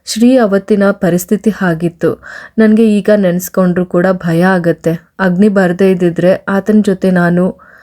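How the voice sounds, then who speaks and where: A woman's voice: on the low side, steady tone, a little slow, dark tone, lightly acted. A woman voicing a frightened, anxious young bride. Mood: fearful.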